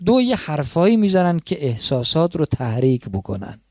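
A man's voice: on the high side, big pitch swings, darkish tone, no echo, clean studio sound. A male preacher telling a religious story in a conversational way, turning to address his listeners as friends. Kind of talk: storytelling sermon.

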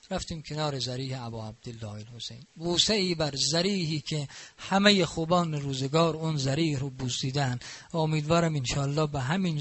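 A man's voice: on the high side, a bit bright. A man preaching a sermon, telling stories in a conversational way and scolding with emphatic rhetorical questions. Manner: conversational, anecdotal narration. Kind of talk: sermon with storytelling.

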